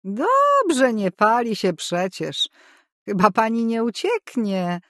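A woman reading an audiobook, voicing a curious, nosy middle-aged landlady in a raised, louder voice. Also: big pitch swings, takes it slowly, no room sound, clean studio sound. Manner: prying, high and loud.

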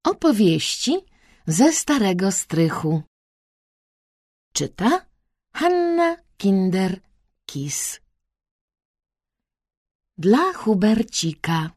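A woman reading a children's storybook aloud, slow and expressive. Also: mid-range voice, husky, no echo, clean studio sound. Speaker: audiobook reader.

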